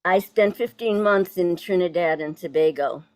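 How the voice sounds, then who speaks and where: A woman with a Boston accent giving an informal online presentation in a halting, deliberate manner. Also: on the low side, no room sound. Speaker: poet introduced as guest speaker. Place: virtual event on video call.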